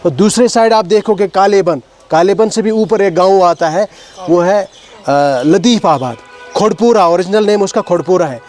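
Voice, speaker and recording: Kashmiri-accented male walk leader, fairly high pitch, talks to schoolchildren outdoors, explanatory, asks them questions. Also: a little mellow, soft background music. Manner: explanatory, asks questions of the children, mixes in English words. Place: outdoors at a stone heritage site.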